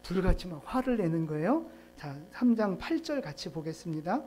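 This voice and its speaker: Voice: mid-range voice, sing-song, normal speed, mellow, slight background noise. A pastor preaching a sermon in a church in a conversational way, putting questions to the congregation. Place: church sanctuary.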